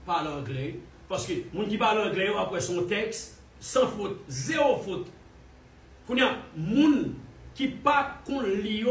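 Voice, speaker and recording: Scornful high-voiced Haitian man, roomy sound. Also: a little hiss or hum. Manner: mocking, scornful, repetitive. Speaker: commentator. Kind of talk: heated online commentary. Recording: roomy echo, distant from mic.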